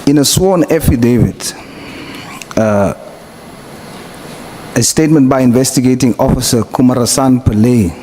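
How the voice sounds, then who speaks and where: A man's voice: mid-range voice, warm tone. South African man pressing questions, noisy recording. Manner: probing, deliberate, pressing. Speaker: committee member questioning a witness. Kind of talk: formal hearing questioning. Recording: noisy hearing room ambience.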